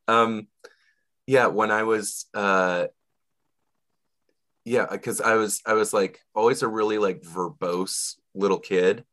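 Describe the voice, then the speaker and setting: Brief: man, mid-30s, co-host, very deep, unhurried, rambling anecdotes with fillers. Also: fairly even intonation, a bit bright. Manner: wordy storyteller, hesitant with many ums. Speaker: podcast co-host. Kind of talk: casual chat.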